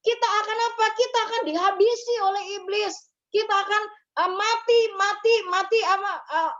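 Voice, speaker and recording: A woman's voice: extremely high pitch, fairly even intonation, normal speed, fairly bright tone, highs cut off. A woman pastor giving a conversational memorial sermon, often ending her phrases with little tag words. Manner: conversational, tags phrases with ya and gitu.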